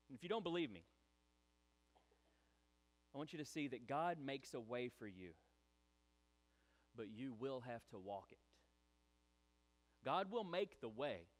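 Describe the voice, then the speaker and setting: A man preaching a sermon, animated and chatty, acting out the voices of people in the story. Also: medium pitch. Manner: animated, acts out quoted voices, chatty asides. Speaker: pastor.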